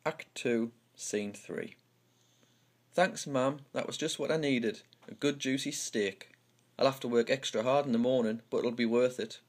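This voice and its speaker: An amateur script reader, a man with a Houghton-le-Spring pitmatic accent from North East England, reads through play dialogue. His voice sits at a medium pitch and his pace is measured.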